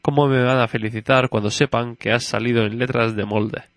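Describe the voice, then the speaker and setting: A man's voice: medium pitch, fairly even intonation, brisk, a bit bright, dry recording, lightly acted. A man reading a story aloud and voicing a curious, chatty little girl who keeps questioning her father. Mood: innocent curious.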